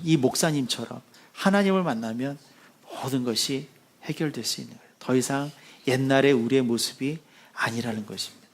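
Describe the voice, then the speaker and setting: Animated man preaching a story sermon. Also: mid-range voice. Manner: animated storytelling, acting out quoted voices; drops to a hushed, soft delivery when closing. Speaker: pastor.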